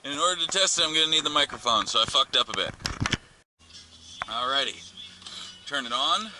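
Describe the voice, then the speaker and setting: A vlogger gives a casual hands-on tutorial on installing a car radio, thinking aloud informally as he works inside the car. His medium-pitched voice is expressive and fairly quick. The car interior is noisy, with clicks throughout.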